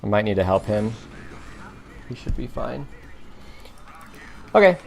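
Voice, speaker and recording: A man with a fairly low voice talks through a strategy game as he plays it. His commentary is casual and unhurried, half thinking aloud and half explaining to viewers. Keys clack now and then under his words. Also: vocal fry. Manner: relaxed, self-talking, explains moves as he plays. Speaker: gaming commentator.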